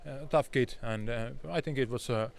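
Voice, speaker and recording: A man in his thirties with a Finnish accent, a fighter giving a casual post-fight interview and haltingly searching for his English words. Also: mid-range voice, vocal fry. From Finland. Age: 30s. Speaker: MMA fighter being interviewed.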